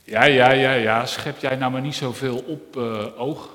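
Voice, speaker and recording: A man voicing a tired, kind-hearted talking ear in a children's story, speaking loudly in a church with long reverb. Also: medium pitch, steady tone, unhurried, lightly acted. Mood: protesting. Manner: loud, protesting.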